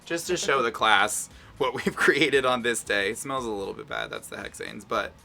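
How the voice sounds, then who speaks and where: An American man presents a science demo casually, with a campy, informal touch. His voice is bright and forward with plenty of vocal fry, over faint music. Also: medium pitch, lively intonation, moderate pace, recorded from a distance. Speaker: host, chemist presenter.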